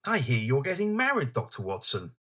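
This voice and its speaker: An actor playing an eager, slightly slow Victorian police inspector in an audio drama, chatty and blunt. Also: male voice, mid-range voice, huge pitch swings, pushed and bright, husky, exaggerated voice.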